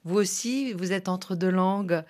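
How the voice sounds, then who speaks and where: A woman hosting a radio interview, asking questions in a measured, articulate way. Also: medium pitch, darkish tone. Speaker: radio host.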